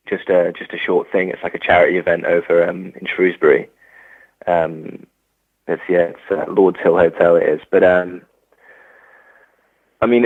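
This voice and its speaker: The guest in this casual interview is a young English musician whose low voice comes through a dry, tinny, phone-like recording. He hesitates a lot, using many fillers and starting sentences over.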